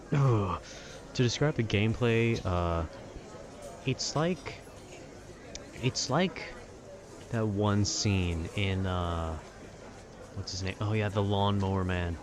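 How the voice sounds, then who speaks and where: A man with a voice on the low side meanders casually through talk about video games, dropping informal slang like an off-the-cuff amateur host. Outdoor city sounds can be heard behind him.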